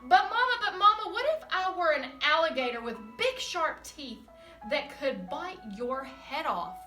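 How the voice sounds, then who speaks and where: A woman voicing a pleading little child from a storybook, asking question after question in a high, eager, drawn-out voice. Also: expressive, bright, forceful tone, reverberant, faint music behind, exaggerated voice.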